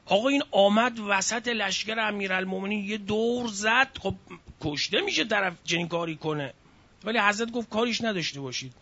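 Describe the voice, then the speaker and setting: High, bright-voiced male preacher. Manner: emotive storytelling, sighs and cries out. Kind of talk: religious sermon storytelling. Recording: dull lo-fi recording.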